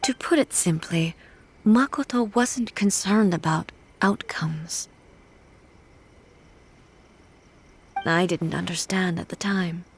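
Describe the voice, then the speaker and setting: Breathy, solemn immortal empress. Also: female voice, fairly low pitch. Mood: reflective. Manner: formal, measured, composed. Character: solemn, dignified immortal female ruler, reflective and composed. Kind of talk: video game voice acting.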